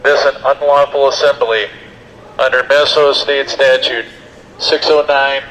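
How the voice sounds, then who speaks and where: A male police officer reading a formal dispersal order over a loudspeaker in a measured, official manner. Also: medium pitch, steady tone, low-quality recording. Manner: measured, official, reads a set script. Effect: through a loudspeaker.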